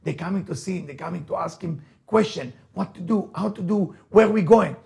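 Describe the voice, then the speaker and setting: His voice sits high and sounds creaky yet mellow, moving fairly quickly. A native Hebrew speaker with an Israeli accent, this rabbi, motivational speaker and teacher delivers an emphatic talk built on repeated key phrases and rhetorical questions.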